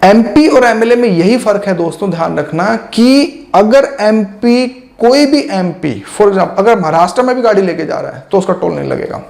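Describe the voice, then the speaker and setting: A man's voice: high voice, vocal fry, a little mellow. A man teaching exam preparation in a casual, chatty lecture style, addressing students directly with lots of asides.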